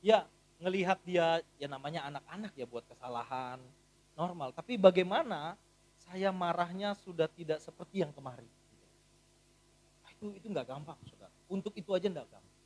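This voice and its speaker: A man in his thirties, a pastor preaching a sermon in a church and telling stories with humor, often swinging from quiet to loud. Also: on the high side, moderate pace. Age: 30s. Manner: animated, humorous storytelling with big swings in loudness.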